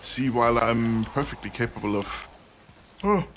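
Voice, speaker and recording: Low, gravelly man rambling on stream. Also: fairly even intonation, slight background noise. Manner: rambling, soft-spoken, with many pauses and fillers. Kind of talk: casual streaming chat while gaming.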